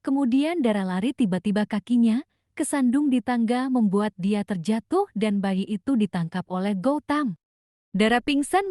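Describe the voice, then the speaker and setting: Woman, narrator, drama recap, steady reading, highish voice, dry close sound. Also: dry recording. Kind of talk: read-aloud drama recap.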